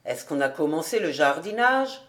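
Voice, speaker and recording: A woman's voice: deep voice, big pitch swings, moderate pace, pitched below the performer's own voice. A woman doing a jolly teasing bachelor. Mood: warm. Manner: boisterous, teasing, laughing.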